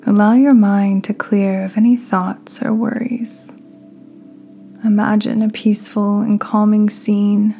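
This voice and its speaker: A woman hosting a podcast, leading a guided meditation in a soft, half-whispered, soothing voice. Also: mid-range voice. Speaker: podcast host.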